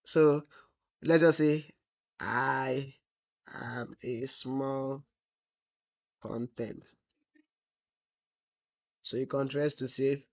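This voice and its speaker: A man teaching web development in a screen-recorded tutorial. He asks the class "what?" and answers himself, and he drawls out the example text while he types. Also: fairly high pitch. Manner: asks the class rhetorical "what?" questions, then answers them.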